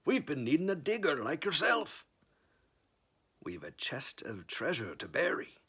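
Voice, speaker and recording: A man voicing a loud, boisterous pirate captain in a storybook read-aloud, with hearty bellowing pirate talk. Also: on the high side, huge pitch swings, measured pace, slightly rough, pitched above the performer's own voice, exaggerated voice. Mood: bossy.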